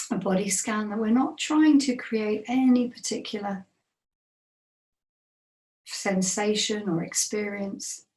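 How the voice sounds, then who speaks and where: In a gentle, unhurried way, a woman meditation teacher guides a body scan, leaving long pauses. Her voice is mid-range, and the recording sounds roomy and echoey.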